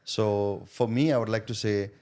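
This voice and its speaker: A male interview guest with a voice on the low side and a darkish tone speaks at normal speed with fairly even intonation. Born in Thailand and schooled in India, the sales coach and business owner reflects earnestly on his business and early years, frequently saying "you know" and "right?".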